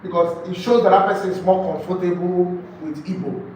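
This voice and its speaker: With a high, steady, darkish voice that runs a little fast, a real estate sales trainer with a Nigerian accent lectures a group live. He repeats key phrases emphatically and questions his listeners rhetorically, and the recording has echo, a distant mic, and faint noise.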